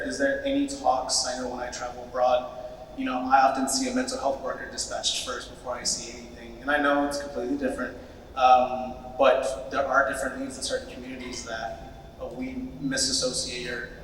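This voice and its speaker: Male audience questioner, halting delivery, mid-range voice, far from mic in a reverberant hall. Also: medium pitch, little pitch movement, fairly bright tone. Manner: hesitant, halting. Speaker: audience member asking a question. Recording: very echoey hall, distant, faint noise.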